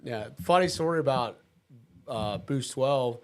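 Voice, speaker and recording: A man's voice: mid-range voice, animated, measured pace, noisy background. A man hosting a casual talk show, easygoing, laughing often and talking with plenty of fillers and restarts. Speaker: host. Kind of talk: casual chat.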